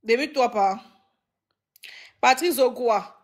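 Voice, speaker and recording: A woman hosting a live stream, talking casually with animated, dramatic exclamations. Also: a little high, slow.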